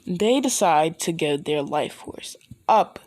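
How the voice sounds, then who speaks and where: Low slow-talking woman telling a rambling story. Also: animated, a little mellow. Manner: rambling, hesitant, self-correcting. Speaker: fan storyteller. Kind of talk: casual improvised fan story.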